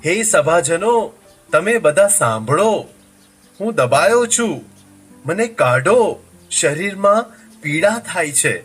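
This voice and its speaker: A man puts on a mighty demon king trapped under a heavy bow, his raised voice straining and husky as he calls on the court to pull him free. The cries come slow and swing widely in pitch, with soft music behind. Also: big pitch swings, heavily acted. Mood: pained pleading. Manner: loud pleading cries, high-pitched.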